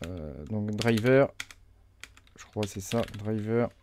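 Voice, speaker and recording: A man talking through a software setup tutorial, hesitant with many fillers as he clicks along. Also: fairly low pitch, expressive, slow, background noise. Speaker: crypto mining tutorial host. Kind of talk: casual screen-recorded tutorial.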